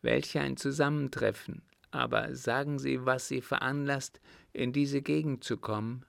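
A man's voice: mid-range voice, fairly even intonation, measured pace, vocal fry, no echo, clean studio sound, pitched above the performer's own voice. A man putting on an indignant, flustered count. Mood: surprised. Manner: raised, incredulous questioning.

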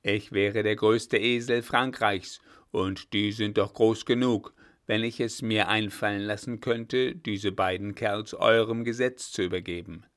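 Man voicing a gruff old field marshal, booming and scolding, storybook reading, low voice. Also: slow pace, fairly bright tone. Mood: blustering. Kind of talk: audiobook reading.

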